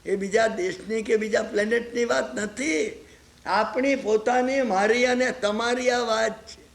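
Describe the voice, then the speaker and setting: A man's voice: extremely high pitch, steady tone, measured pace, vocal fry. A man giving a storytelling religious lecture, constantly checking on his listeners with rhetorical asides. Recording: echoey lecture hall.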